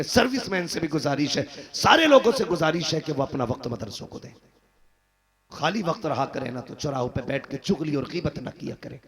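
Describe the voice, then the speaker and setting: A man preaching a fervent religious sermon, swinging from loud exhortation to low, earnest tones. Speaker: Islamic preacher. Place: madrasa gathering.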